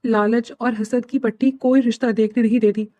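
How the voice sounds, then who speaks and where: A woman's voice: fairly high pitch, steady tone, dark tone, dry recording, natural voice. Woman reading as a desperate protective mother. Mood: urgent. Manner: urgent, pleading.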